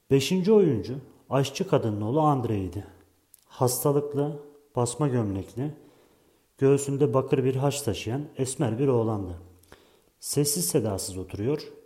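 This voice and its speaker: A man calmly reading a story aloud as its narrator. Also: mid-range voice.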